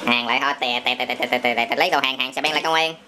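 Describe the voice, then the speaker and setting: An adult man with a southern Vietnamese accent chats playfully with his young son on a family toy channel, often mouthing sound effects. His medium-pitched voice is steady and racing, recorded on a noisy home camera in a small tiled room with plastic bricks clicking.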